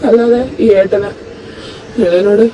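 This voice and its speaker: A man playing a heartbroken young husband in a home audio drama, talking haltingly with his voice rising and breaking. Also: high voice, muffled recording, natural voice. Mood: agitated. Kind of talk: amateur audio drama acting. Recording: noisy home recording.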